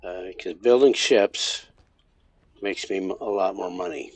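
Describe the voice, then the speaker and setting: A man's voice: sits low, unhurried, gravelly, husky. A man casually commenting on his gameplay as a streamer, thinking aloud with frequent restarts. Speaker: game streamer.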